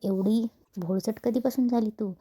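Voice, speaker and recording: A woman's voice: fairly high pitch, steady tone, normal speed, warm tone, slightly rough. A woman reading the lines of a sarcastic, mocking elder sister.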